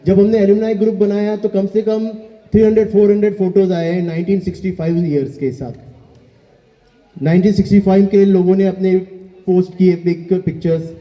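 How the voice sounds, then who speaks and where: A man's voice: high voice, steady tone, a little fast. A man serving as anchor at a ceremony, making formal announcements and giving polite thanks from the stage. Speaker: event anchor. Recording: dull, roomy hall recording.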